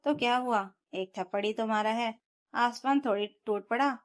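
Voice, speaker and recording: A woman's voice: a little high, moderate pace, lightly acted. Harsh, dismissive sister-in-law who never admits fault, read by a woman storyteller. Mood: scornful. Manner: dismissive, sharp retorts. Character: scornful adult sister-in-law, harsh and unrepentant.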